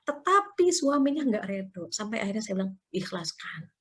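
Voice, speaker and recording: A woman's voice: a little high, very animated, a little fast. A woman teaching an Islamic study session in a chatty storytelling way, often acting out short quotes and adding tag fillers. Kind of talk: conversational religious study talk.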